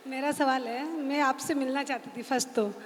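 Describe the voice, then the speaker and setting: A middle-aged woman in the audience asks a halting, eager question, and her voice booms back with strong echo from the hall's speakers. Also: steady tone. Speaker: audience member asking a question. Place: large hall at a live seminar. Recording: echoey hall with faint ambient noise.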